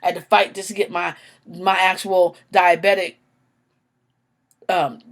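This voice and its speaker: A woman's voice: fairly low pitch, level tone, a little slow. A woman vlogging to her viewers in a casual, impassioned, rambling way, unwell and stuttering at times, with restarts and apologies. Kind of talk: casual direct-to-camera vlog.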